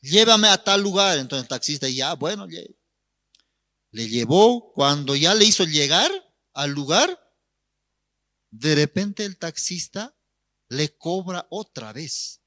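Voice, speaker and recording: A male preacher, telling an illustrative story in a sermon with animated storytelling. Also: a little high, takes it slowly, long pauses, dry recording. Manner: animated storytelling with acted voices.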